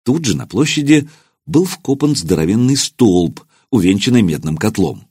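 A man narrating an audiobook with expressive storytelling. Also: lowish voice, moderate pace, slightly rough, dry recording, studio quality.

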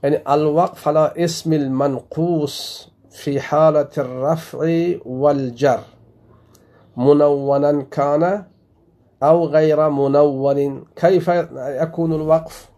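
A man gives a slow classroom grammar lesson in a warm, mellow voice. He repeats each example and lets his voice fall away at the end of it. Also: fairly high pitch, steady tone. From Afghanistan. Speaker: teacher of Arabic grammar. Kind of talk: classroom lesson explaining a text.

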